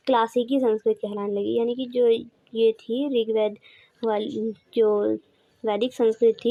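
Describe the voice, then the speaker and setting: Woman, teacher, high voice, mellow, rhetorical questions, repeats points. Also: dry recording. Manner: asks rhetorical questions and answers them herself; repeats and rephrases each point. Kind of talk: online lecture explaining course notes.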